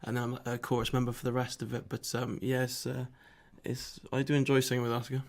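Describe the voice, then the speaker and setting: A man's voice: mid-range voice, level tone, fairly quick, creaky. Give me a young man, hesitant and casual, chatting on the radio. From Wales. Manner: hesitant, many ums and uhs. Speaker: opera singer. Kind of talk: radio interview chat.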